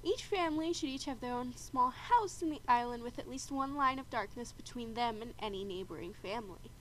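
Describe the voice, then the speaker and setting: Talking a little fast in a slightly high voice, a woman recovering from a bad cold hosts gameplay, sounding congested and stuffy. She casually narrates, explains rules and clears her throat often. The recording is rough, with ongoing background noise.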